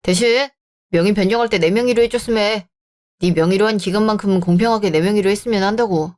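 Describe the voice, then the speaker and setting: A woman's voice: mid-range voice, fast, a little mellow, close to an everyday voice. A woman voicing an arrogant, controlling young man who talks down to his fiancée, as part of a radio drama reading. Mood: scheming. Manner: condescending, bullying. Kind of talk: Korean story-channel radio drama reading.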